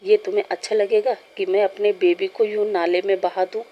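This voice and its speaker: A woman's voice: mid-range voice, level tone, normal speed, highs cut off, close to an everyday voice. A woman voicing a pushy, playful adult male lover who pleads and teases insistently, read aloud in a storybook. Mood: pleading, teasing.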